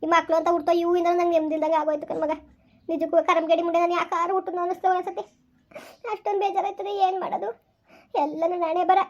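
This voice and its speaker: A woman's voice: very high voice, level tone, very fast, dull audio. A woman playing a weary, lamenting village mother-in-law. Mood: grieving, bitter. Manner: lamenting, repeats her complaints. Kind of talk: village family drama.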